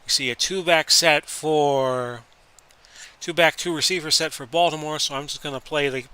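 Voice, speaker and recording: A man hosting a stream and giving play-by-play commentary over a sports simulation game. He talks like an announcer and breaks into excited outbursts on big plays. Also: a little high, normal speed, smooth. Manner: announcer-style calls that rise into excited outbursts. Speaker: streamer and host.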